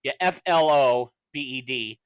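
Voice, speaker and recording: A man's voice: medium pitch, a little slow, clear, resonant tone, no room sound, poor audio. A man hosting a podcast in casual chat; he rambles on and laughs often. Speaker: podcast host.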